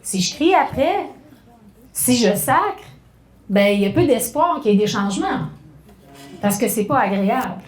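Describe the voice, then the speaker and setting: A middle-aged woman with a Québécois French accent giving a spoken lesson on communication, talking conversationally and slowing down to act out examples. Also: a little high, expressive, roomy sound. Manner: conversational, acts out examples with slowed, stressed phrases. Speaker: communication workshop speaker.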